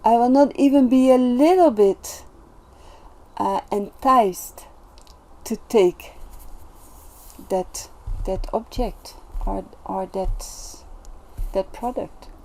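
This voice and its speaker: A woman shares personal reflections in an unhurried vlog monologue. Her voice is mellow and soft-toned, her delivery gentle and earnest, with frequent pauses and restarts as she gathers her thoughts. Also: on the high side. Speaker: self-development vlogger.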